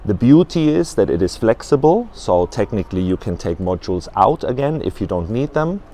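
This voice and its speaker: A man in his forties, a company representative at a trade fair stand, walks through a camper van explaining its fittings. His lowish voice is mellow, very animated, and fairly quick, full of hesitant fillers, picked up by a lapel mic in a large exhibition hall with slight background noise.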